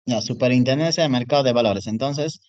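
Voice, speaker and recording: A man's voice: medium pitch, fairly quick, darkish tone, no room sound. A man teaching a class, typing on screen as he explains and often asking the students if they follow. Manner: repeats "jóvenes" and "¿no es cierto?" often; talks while typing on screen. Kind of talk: online class lecture. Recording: dull dry recording.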